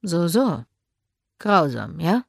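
A woman reading an audiobook, voicing a stern, brusque man who barks orders loudly. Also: lowish voice, very animated, slow, vocal fry, dry recording, studio quality, exaggerated voice. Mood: dry mocking. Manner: barking orders, clipped and loud.

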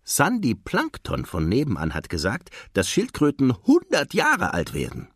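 Squeaky, eager boy clownfish for a storybook, very high and dry. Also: wildly swooping pitch, a little slow, slightly rough, no echo, exaggerated voice. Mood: eager, excited. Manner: bouncy, singsong. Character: excited little boy clownfish, eager and chirpy. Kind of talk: storybook reading. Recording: dry close sound.

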